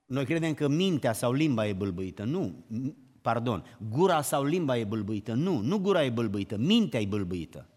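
A man preaching a sermon, emphatic, climbing to loud exclamations and then dropping low. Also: big pitch swings. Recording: long hall reverb.

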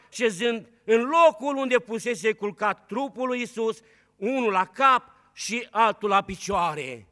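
A man preaching a fervent sermon, swinging between loud declarations and hushed storytelling. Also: extremely high pitch. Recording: long hall reverb.

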